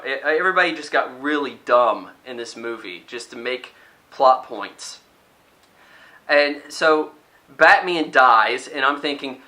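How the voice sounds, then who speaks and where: Bright-voiced man ranting in a review. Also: a little high. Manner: rambling and critical, with frequent restarts and mock quotes. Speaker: vlogger reviewing a movie. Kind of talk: casual spoken movie review.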